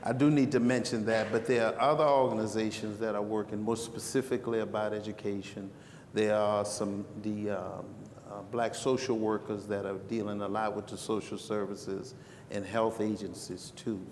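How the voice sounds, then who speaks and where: On a conference panel in a breakout room, a man answers questions conversationally and keeps restarting his sentences. His voice is fairly low and darkish, with little pitch movement and a moderate pace. The recording sounds like an echoey hall with background noise.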